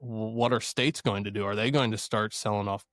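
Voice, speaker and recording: A man's voice: lowish voice, steady tone, brisk, fairly bright tone, dry recording, clean studio sound. A man from Missouri, a podcast guest who talks casually and tells stories with easy laughs. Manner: chatty, laughs easily, storytelling. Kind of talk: casual conversation.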